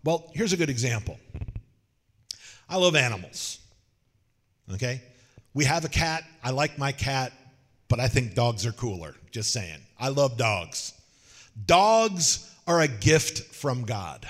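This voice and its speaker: A man preaching a sermon in a folksy, joking way, telling animated stories. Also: mid-range voice, takes it slowly, long pauses, in a large hall. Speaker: pastor.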